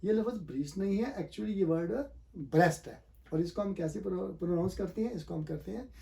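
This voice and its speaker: Mellow-voiced man teaching pronunciation. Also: high-pitched, vocal fry, distant mic. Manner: asks and answers own questions, spells letters out slowly; hesitant, many fillers and restarts. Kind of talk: pronunciation lesson.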